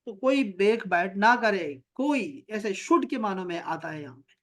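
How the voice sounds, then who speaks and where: A man teaching an online Quran and Arabic grammar class over a video call. He recites short Arabic phrases slowly, then explains them patiently and checks his students' answers with questions. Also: sits high, lively intonation, crowd noise.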